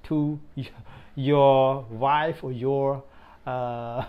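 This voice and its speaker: A man in his thirties with a Cambodian accent and Khmer as his first language, teaching English to camera in deliberate, repeated phrases. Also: mid-range voice, fairly even intonation, clean tone, dull audio. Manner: slow, deliberate phrasing with repetition. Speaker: English teacher, channel host. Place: indoor room in front of a display screen.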